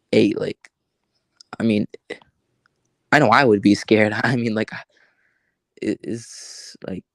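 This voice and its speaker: Halting, gravelly-voiced man hosting a livestream. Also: mid-range voice, no echo. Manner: rambling, halting, many fillers and restarts. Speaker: livestream host. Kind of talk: casual livestream chat.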